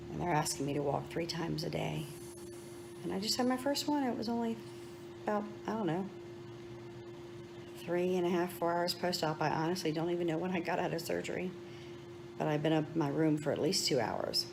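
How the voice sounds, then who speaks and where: A woman's voice: deep voice, animated, fairly quick, gravelly, long pauses. A woman giving a casual vlog update as a patient, sounding subdued and weary after surgery. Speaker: patient vlogging her surgery recovery. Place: hospital room and corridor. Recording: noisy room sound.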